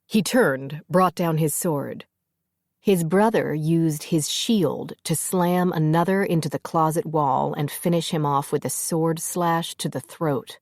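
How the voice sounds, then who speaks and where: A woman narrating a fantasy audiobook in a steady, measured storytelling manner. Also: deep voice, no room sound, clean studio sound.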